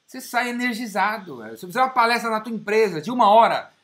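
A man's voice: high voice, rapid-fire. A man in his forties, a sales coach giving an emphatic, slangy motivational talk straight to camera from a home office. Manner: emphatic, punchy, repetitive, slangy and animated. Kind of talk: energetic motivational monologue to camera. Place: home office with bookshelves, indoors.

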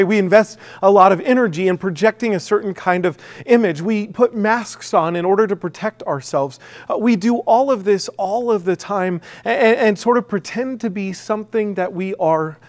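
This man's voice sits high. He's a middle-aged Midwestern American pastor preaching in a chatty manner, his sermon full of fillers and false starts.

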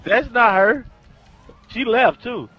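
High-pitched male gamer, unhurried, animated, exclamatory, casual chat, dull lo-fi sound. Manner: informal, exclamatory. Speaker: online game player. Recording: dull lo-fi game chat, faint music.

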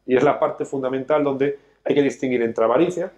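Seated on a studio sofa, a financial educator and show host in his 30s preaches his point hard, lecturing emphatically and gesturing constantly. He talks fairly quickly in a medium-pitched, darkish voice.

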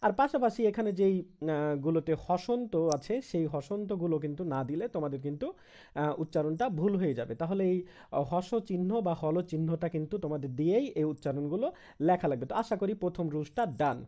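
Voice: medium pitch, fast talker, mellow. A teacher from Bangladesh with a Bangladeshi Bengali accent, giving an online grammar lesson and patiently repeating each example, with English words mixed into the talk.

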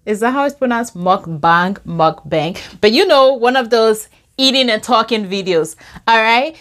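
A woman's voice: on the high side, moderate pace, a bit bright. A middle-aged woman from Liberia, chatting casually to camera at her table at home while she eats. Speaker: vlogger. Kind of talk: casual mukbang chat to camera.

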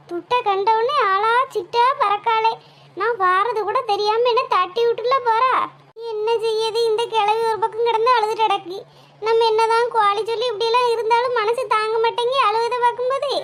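A woman's voice: extremely high pitch, a bit bright. A woman voicing a nosy, scheming young village woman, prying and gossipy. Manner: prying, gossipy, mock-soothing.

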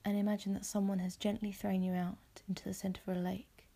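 With a mid-range voice that is soft, husky and breathy, a woman guides listeners through a visualisation meditation. Her speech stays gentle and calm, flowing in soothing, measured phrases.

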